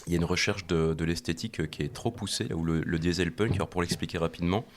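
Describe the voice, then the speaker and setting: Very deep voiced guy on a podcast, lots of euh and restarts. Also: fairly even intonation, fast, slight background noise. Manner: hesitant, many fillers and restarts. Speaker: podcast guest, illustrator. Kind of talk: casual podcast chat.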